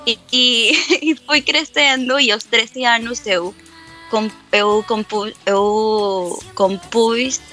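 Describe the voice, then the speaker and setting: Her first language is Spanish, but this young woman speaks Portuguese as a live interview guest, slowly and with care. Her voice is bright, clear, fairly high, and fairly even; she halts often, restarts words, and laughs, with faint music in the background.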